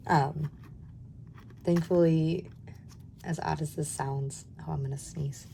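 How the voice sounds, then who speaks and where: A woman in her thirties with a hoarse voice from a cold, chatting candidly while she budgets and sometimes dropping to a near-whisper. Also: low-pitched, flat delivery, moderate pace, dark tone, slight background noise. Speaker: budgeting vlogger. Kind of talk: casual chat while stuffing cash envelopes.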